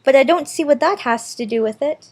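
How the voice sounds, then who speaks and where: Storybook little girl, played by a woman: high, earnest, polite and curious. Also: a little fast. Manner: earnest, questioning. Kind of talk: storybook character voice.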